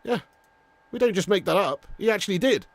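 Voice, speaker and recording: Jokey man, fairly high voice. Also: expressive, a little fast, no echo. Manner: jokey, chatty, mock-insistent. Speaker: football watch-along host. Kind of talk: casual live commentary.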